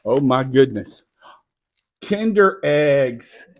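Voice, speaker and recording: At home on a casual live video, a middle-aged man plays and teases with a child, often dropping to a hush. His mid-range voice is expressive but extremely slow, and the recording sounds muffled.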